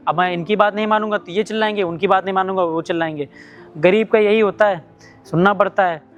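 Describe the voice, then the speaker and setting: A man plays a humble, poorly paid security guard in a low-budget short film. He pleads fast in a high voice, always explaining himself. Faint music plays underneath. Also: steady tone, fairly bright tone. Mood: complaining. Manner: pleading, complaining, submissive. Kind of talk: amateur short-film acting.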